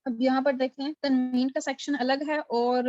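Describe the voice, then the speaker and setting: A woman's voice: high-pitched, little pitch movement, mellow, no echo, muffled recording, faint music behind. A woman teaching a Quran recitation class over a video call, who explains patiently, asks her students questions and praises their answers. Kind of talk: online class lesson.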